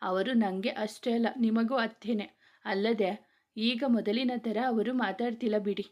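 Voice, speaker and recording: A woman's voice: on the high side, fairly even intonation, unhurried, darkish tone, natural voice. A woman voicing a cheeky young married sister who talks back playfully. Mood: teasing. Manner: teasing, playful back-talk.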